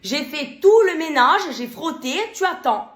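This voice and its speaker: A woman's voice: high-pitched, animated, a little slow, reverberant, pitched above the performer's own voice. A woman voicing a nagging mother in a comedy sketch, scolding and bossy.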